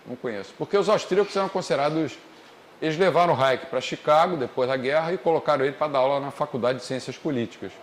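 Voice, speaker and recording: Brazilian male lecturer, slightly high voice, methodical; roomy echo, faint background noise. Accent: Brazilian Portuguese. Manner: explains step by step, deliberately slow on key points. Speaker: economics lecturer. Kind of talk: classroom lecture. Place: classroom. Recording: echoey classroom, faint noise.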